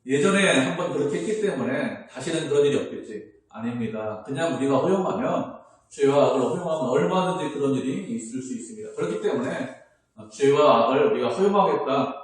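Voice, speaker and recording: A middle-aged pastor preaches a sermon in a church sanctuary, posing questions to the congregation and answering them himself. His mid-range voice is animated and fairly quick. The hall echoes, and he sounds far from the microphone.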